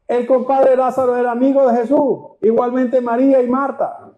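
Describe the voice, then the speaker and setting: A pastor preaching a sermon, retelling scripture dramatically and firing rhetorical questions at the congregation. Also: male voice, extremely high pitch, little pitch movement, moderate pace. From Venezuela. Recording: dull lo-fi sound.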